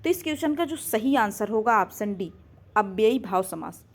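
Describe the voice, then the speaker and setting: A woman's voice: mid-range voice, animated, moderate pace. A woman teaching a grammar lesson, reading quiz questions and repeating each answer back as a question to the viewer.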